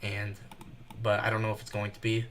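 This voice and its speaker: A nervous young man giving fast live commentary while trading, thinking out loud and rushing his words. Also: fairly low pitch, monotone, a little hiss or hum. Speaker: day trader streaming live.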